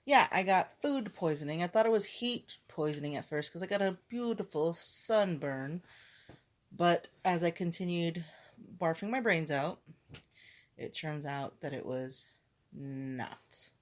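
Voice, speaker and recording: A woman's voice: on the low side, lively intonation, measured pace. A woman podcast co-host chatting casually in a candid, joking way, with some swearing. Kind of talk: casual chat.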